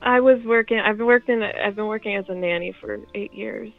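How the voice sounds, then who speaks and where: Gravelly-voiced nervous young woman caller. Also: mid-range voice, a little fast, faint music behind. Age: 20s. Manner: nervous, giggly, soft-spoken. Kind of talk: phone-in conversation. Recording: dull lo-fi call audio.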